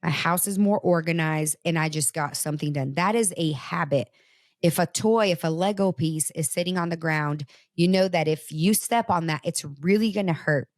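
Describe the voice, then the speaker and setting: A woman with a low voice hosts a casual, motivational talk at normal speed; she's from Brazil and Portuguese is her first language. Animated and conversational, she speaks directly to her listeners in a studio-quality recording with no echo.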